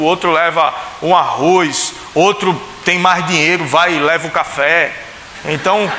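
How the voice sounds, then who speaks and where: Here a Pernambuco-accented Brazilian pastor preaches in a church with a high, bright, forceful voice. His style is chatty and full of rhetorical questions, and he acts out the voices he quotes, while the echoey hall adds a faint hiss.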